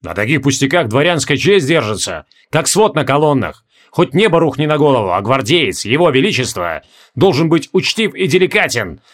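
A man doing a blustering gruff guard captain. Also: mid-range voice, very animated, normal speed, fairly bright tone. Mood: scolding. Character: gruff loud male guard captain, barks and scolds.

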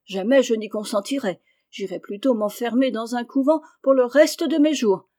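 Brief: pleading, tearful young noblewoman with a raised voice, dark timbre, storybook tale, as read by a woman. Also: a little high, normal speed, no room sound, studio quality, close to an everyday voice. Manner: pleading, emotional.

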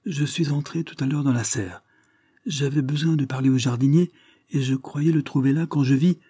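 A man's voice: mid-range voice, normal speed, dark tone, slightly rough, no echo, clean studio sound, voice pushed up, close to an everyday voice. A man reading aloud, voicing a scheming, honey-voiced female lady's maid in a wheedling, melodramatic way.

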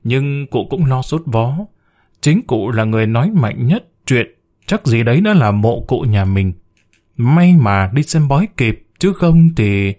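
A man's voice: mid-range voice, animated, measured pace, a little mellow. A man narrating a story aloud with a wry, storytelling tone.

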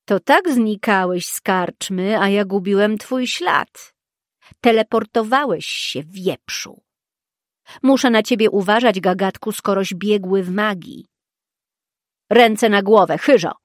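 Harsh male hired killer read by a woman, slow, snapping, dry close mic. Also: mid-range voice, no room sound, natural voice. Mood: threatening. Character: hostile male hired assassin, gruff and threatening.

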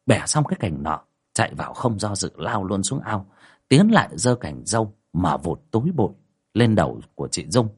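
A man's voice: moderate pace, breathy edge. A man narrating a spoken ghost story in a dramatic way. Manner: dramatic, lively pitch.

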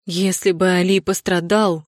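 A woman voicing a haughty, scheming aging stepmother who sneers and turns shrill. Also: flat delivery, measured pace, no room sound, clean studio sound. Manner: sneering, shrill when upset. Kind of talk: audiobook character voicing.

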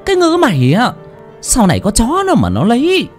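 A man voicing a sharp-tongued, scolding middle-aged mother in a storybook reading. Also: huge pitch swings, fairly quick, faint music behind, heavily acted. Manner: shrill, nagging, much higher than the reader.

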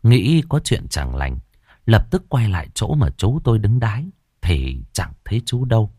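A man narrating a rural ghost story with an expressive, dramatic delivery. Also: lowish voice, moderate pace, husky, no room sound, clean studio sound. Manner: expressive, rises and falls dramatically.

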